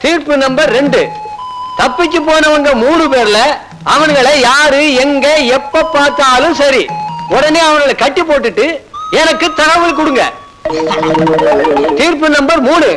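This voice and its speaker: A man's voice: extremely high pitch, measured pace, pauses often, over loud music, low-quality recording. An actor playing a pompous, self-important village headman who hands out verdicts in a comedy film. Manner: pompous, issues verdicts loudly. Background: film score.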